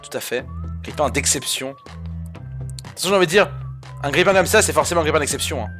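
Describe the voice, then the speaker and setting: A man streaming a card game, talking straight to his viewers with sarcastic swearing asides, jumping from loud outbursts to low mutters. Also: a little fast, faint music behind. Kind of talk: live-stream game commentary.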